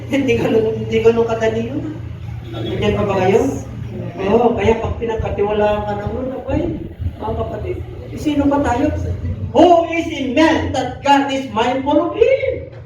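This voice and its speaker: A man's voice: very high voice, background noise. Filipino male pastor preaching in an echoey hall. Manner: mixes Tagalog with English, asks the congregation questions. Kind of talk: sermon. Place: church hall. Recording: echoey distant muffled live recording.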